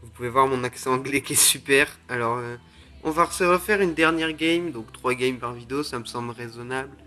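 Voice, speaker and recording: Young male gamer, mid-pitched, narrates his matches with loud groans and cheers, quiet music bed. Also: a little fast. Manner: excitable, groans and exclaims at each play. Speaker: gaming YouTuber. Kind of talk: live mobile game commentary. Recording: faint music under the voice.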